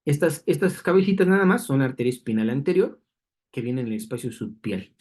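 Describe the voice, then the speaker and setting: A man's voice: mid-range voice, animated, brisk, a little mellow, husky. A man teaching anatomy in a classroom lecture, explaining diagrams and checking in with students through frequent tag questions.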